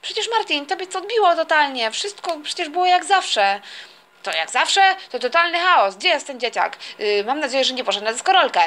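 A woman's voice: sits high, big pitch swings, fairly quick, bright, forceful tone, exaggerated voice. A woman voicing a worried toy mother who scolds and fusses over her family. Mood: scolding. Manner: scolding and fussing. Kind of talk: toy play-acting.

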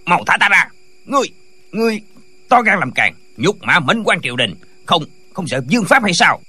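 A woman voicing an arrogant, bullying military officer who barks orders in a lowered voice. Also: very animated, normal speed, slightly rough, full character voice. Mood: blustering. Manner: barking, shouting orders.

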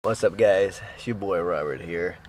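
A man's voice: sits low, normal speed. A middle-aged man chats casually to his vlog viewers, sick with a cold, stuffed up and breathing through his mouth. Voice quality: congested, stuffed-up nose with audible mouth breathing. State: sick with a cold and sore throat. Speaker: vlogger. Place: inside a parked truck. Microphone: handheld camera at arm's length. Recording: noisy vehicle interior.

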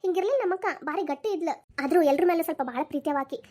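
Soothing practical older mother, voiced by a woman, dharwad accent, speaks fast. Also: very high voice, mellow. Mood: explaining. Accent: North Karnataka (Dharwad) Kannada.

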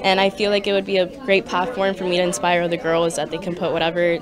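Young woman model, slightly low voice, poised and articulate, crowd behind. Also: little pitch movement, quick pace. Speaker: model interviewee. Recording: noisy crowd chatter behind.

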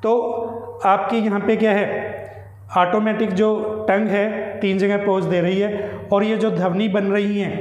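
Slow, high-voiced man teaching in an echoey room. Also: little pitch movement. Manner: explains slowly, repeats key words, asks and answers own questions. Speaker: English teacher. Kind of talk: classroom-style lesson. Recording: echoey room with long reverb.

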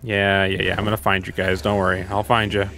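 A man's voice: sits low, flat delivery, brisk, vocal fry, noisy background. A man gamer giving casual commentary on a horror game, thinking aloud in loose, sweary language.

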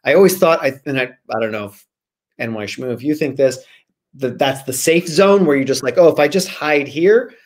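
A man in his forties, appearing as a guest author on a video call, chats casually and reads aloud from a storybook in a slightly high voice at normal speed. He's indoors in a small room at home, with the computer at arm's length.

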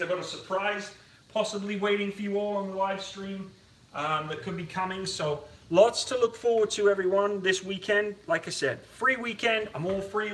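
His voice sits high and a bit bright as this young man cooks at home and chats casually on a live stream, rambling and self-deprecating. The audio comes from a tripod camera across the kitchen, giving a roomy, distant feel.

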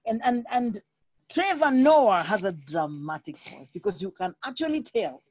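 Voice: mid-range voice, big pitch swings, moderate pace. A voice coach giving an online class, explaining techniques and checking in with the students. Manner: instructive, checks in with repeated okays. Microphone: video call. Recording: dull lo-fi online call audio.

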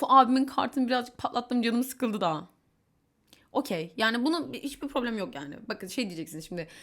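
Fast-talking chatty young woman. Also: a little high. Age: young adult. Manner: chatty, candid, exasperated asides; quotes others in mimicking voices. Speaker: vlogger. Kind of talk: casual storytelling vlog.

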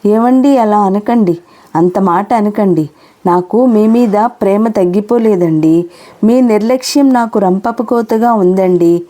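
A woman's voice: medium pitch, unhurried, mellow, close to an everyday voice. A woman voicing a hurt, neglected young wife in an audio novel, reproachful and tearful in her pleading.

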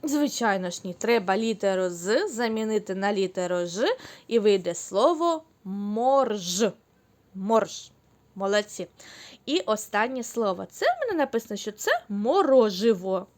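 A woman teaching young children, speaking slowly and clearly, drawing out the syllables. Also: mid-range voice, very animated, darkish tone. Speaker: kindergarten teacher. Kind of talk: recorded online lesson for young children.

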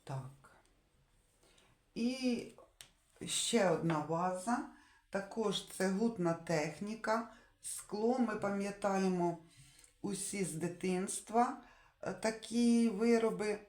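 A woman with a lowish voice shows off secondhand dishes in a casual way. She describes every detail slowly and thinks aloud as she goes. The room around her gives back a clear echo. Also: darkish tone. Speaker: secondhand dish seller. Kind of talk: casual product showcase. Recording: echoey room.

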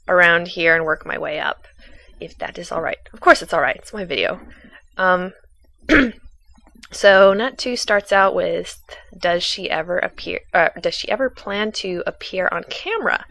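A young woman with a hoarse voice from a cold, answering viewer questions in a casual, rambling voice-over full of ums and restarts. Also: mid-range voice, a bit bright. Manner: rambling, self-deprecating, many ums and restarts. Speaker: YouTube Let's Play creator.

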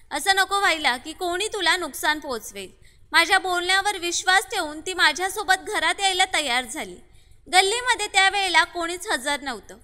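A woman narrates a scripted first-person story in a steady, even reading with no fillers. Her voice sits very high and sounds sharply bright. A long hall reverb trails behind every line.

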